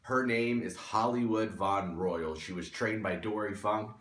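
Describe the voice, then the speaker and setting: Low-voiced male wrestling show host. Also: fairly even intonation, a little slow, a bit bright. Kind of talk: presenter introducing segments. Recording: echoey room.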